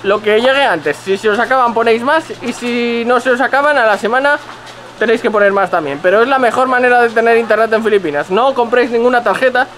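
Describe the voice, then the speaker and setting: Thirties male travel vlogger, Spain Spanish accent, pitched high, casual swearing, recorded outdoors at arm's length. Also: fast talker, fairly bright tone, slight background noise. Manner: blunt, joking, swears casually. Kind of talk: casual travel tips to camera. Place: narrow outdoor city alleys. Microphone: handheld camera at arm's length.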